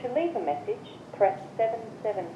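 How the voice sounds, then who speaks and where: A woman's recorded voice reading voicemail system menu prompts in measured, evenly spaced instructions, heard through a phone speaker. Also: a little high, big pitch swings, dark tone. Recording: muffled, echoey phone speaker with hiss.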